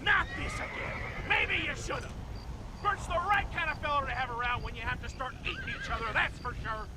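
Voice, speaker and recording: A whiny henpecked husband. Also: male voice, high voice, animated, normal speed, heavy background noise. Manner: whiny, stammering. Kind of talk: video game cutscene acting.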